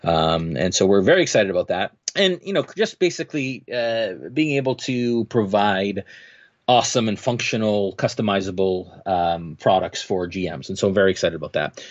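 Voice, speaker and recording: A man's voice: on the low side, animated, normal speed, lo-fi sound. A man talking casually as an interview guest, a game master who rambles with lots of fillers and restarts.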